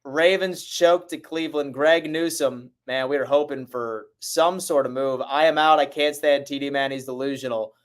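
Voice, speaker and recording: A man hosting a casual sports livestream, talking to his viewers in a hurried, urgent way. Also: medium pitch, fairly even intonation.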